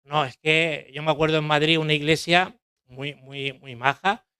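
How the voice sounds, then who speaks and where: A man's voice: on the high side, fairly even intonation, moderate pace, sharp tone, clean tone, no echo, clean studio sound. A middle-aged man preaching a sermon in a church, emphatic, repeating key phrases and asking rhetorical questions.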